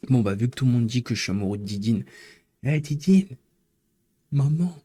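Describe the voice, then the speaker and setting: A man's voice: fairly low pitch, fairly even intonation, racing, mellow, no room sound. A man chatting casually with his live-stream viewers, rambling and joking as he teases the chat.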